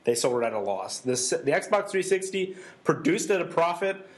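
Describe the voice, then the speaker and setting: A man's voice: a little high, very animated, moderate pace. A man co-hosting a casual gaming chat show, talking at length with a sarcastic, lecturing manner. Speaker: podcast co-host.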